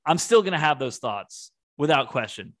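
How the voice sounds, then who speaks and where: A man's voice: a little high, very animated, moderate pace, a bit bright. A man co-hosting a podcast, talking in an earnest, reflective way as he thinks aloud. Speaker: podcast co-host. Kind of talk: casual heartfelt conversation.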